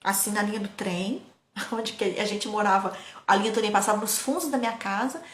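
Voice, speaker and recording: A woman, a parenting educator telling childhood stories in a lively, casual way, often turning to her audience. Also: medium pitch, brisk. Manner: lively, keeps addressing the audience. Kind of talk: casual storytelling talk. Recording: echoey room.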